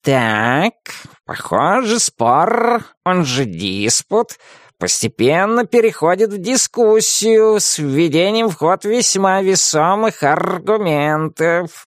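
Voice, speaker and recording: A man's voice: sits high, animated, slow, dry recording, studio quality, voice pushed up. A man voicing a pompous talking cat who drawls thoughtfully, lecturing in a storybook reading. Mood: musing.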